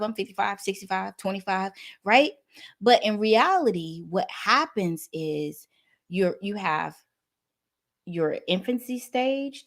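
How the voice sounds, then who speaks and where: A woman in her thirties, a guest on a talk show, speaking earnestly and with animation, addressing the audience directly. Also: mid-range voice. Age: 30s. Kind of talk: casual talk on wellness.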